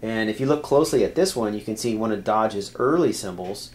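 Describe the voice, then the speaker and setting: A man's voice: lowish voice, animated, a little fast, darkish tone. A man explaining things casually to viewers, talking off the cuff with many fillers and restarts. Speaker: video creator explaining symbols.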